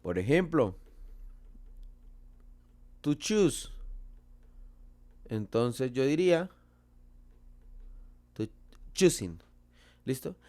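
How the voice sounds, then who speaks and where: A man with a Colombian Spanish accent teaching a lesson, slow and deliberate, asking and answering his own questions. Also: mid-range voice, big pitch swings, darkish tone. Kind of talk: explaining a lesson.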